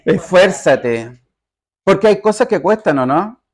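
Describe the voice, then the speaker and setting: High-voiced man preaching conversationally. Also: expressive, a little mellow. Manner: keeps checking in with the congregation; reads scripture aloud with slow emphasis. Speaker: pastor. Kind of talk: conversational sermon. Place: church.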